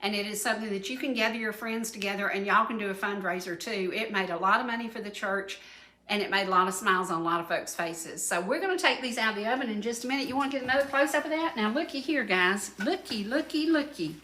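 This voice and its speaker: A woman's voice: mid-range voice, quick pace, pushed and bright, echoey room. A woman in her seventies with a Southern US accent, hosting a cooking segment on a local TV talk show in a folksy, chatty, playful way. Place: TV studio kitchen set.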